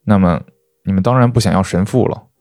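A man's voice: deep voice, fairly quick, darkish tone, no room sound, studio quality, soft background music. A man voicing a brusque adult male military officer in a story reading. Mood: curt.

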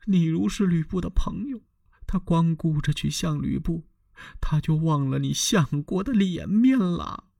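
A clever young concubine pleads in a high, tearful voice that leaps up and down, as a male storyteller puts her on. The sound is dry and close in this spoken story. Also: expressive, measured pace, creaky, mellow, no echo, heavily acted. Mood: tearful pleading.

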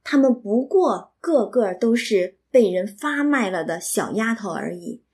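A woman explaining a classic novel, reading and commenting in an expressive, reflective storytelling manner. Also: mid-range voice, unhurried. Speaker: literature lecturer and reader.

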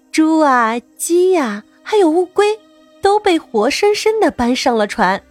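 A woman narrating a scripted story for children as host, expressive and playful, speaking directly to young listeners. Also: high-pitched, slightly rough.

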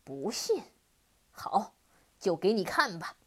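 A woman putting on a booming horned demon king. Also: sing-song, takes it slowly, slightly rough, exaggerated voice. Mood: angry. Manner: booming, gloating laughter. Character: boastful horned demon king, big, cruel. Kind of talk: storybook reading.

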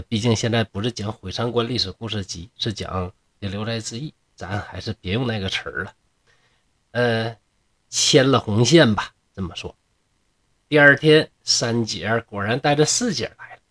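Male storyteller, Northeastern Chinese accent, husky tone, very lively pitch, joking asides. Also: moderate pace. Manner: lively, jokey, chatty asides to listeners.

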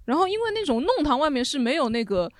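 A woman from Shanghai co-hosting a podcast, telling a childhood story with wry, deadpan asides. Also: sits high, fast talker, dry recording, clean studio sound. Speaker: podcast co-host. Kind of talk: casual storytelling chat.

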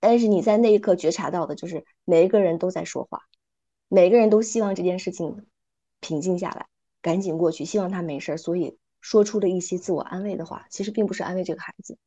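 Mom on a podcast, mellow warm voice, calm and thoughtful, tells stories. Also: female voice, on the low side, fast, dull audio. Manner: calm, thoughtful, retells stories with light acting. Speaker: podcast guest. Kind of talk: reflective casual chat with storytelling.

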